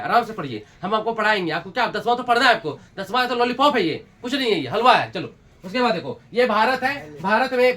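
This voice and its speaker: In this classroom lecture, the young male teacher's voice sits high and sounds a bit bright. He's repetitive, firing questions at students to drill them, and he mixes scolding with jokes.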